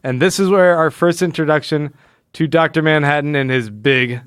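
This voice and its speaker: A podcast host with a fairly high, a bit bright voice chats about comic books at a normal speed, his tone clear and resonant in clean studio sound with no room sound. His talk is casual and analytical, and he acts out quoted lines as he retells the story.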